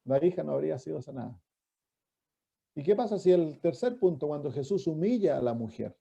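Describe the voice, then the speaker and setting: Pastor preaching in a dark voice. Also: male voice, a little high, creaky. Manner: animated preaching, asks the listeners questions. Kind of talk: sermon with Bible reading. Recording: dull lo-fi recording.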